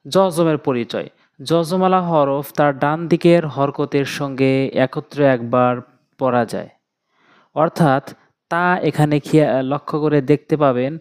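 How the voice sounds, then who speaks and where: A man's voice: fairly high pitch, a little mellow, clean tone. A man teaching Quran reading, spelling out letters and vowel marks and repeating each syllable in a patient lesson style. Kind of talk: slow spelled-out recitation lesson.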